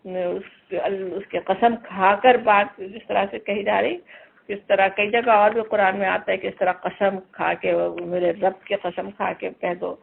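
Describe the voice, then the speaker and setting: A Quran teacher delivers a commentary lesson, unpacking each verse word by word and pressing hard on the key points. The voice is husky, with a gravelly edge. It comes through thin and tinny, like a phone line. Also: mid-range voice, fairly even intonation. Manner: explains verses word by word, emphatic.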